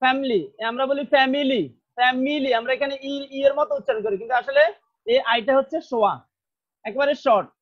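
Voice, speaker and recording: A man's voice: extremely high pitch, steady tone, muffled recording. A man with a Bangladeshi accent teaching a classroom pronunciation lesson, repeating each word several times. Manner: slow, repeats words many times, drills sounds. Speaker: English teacher.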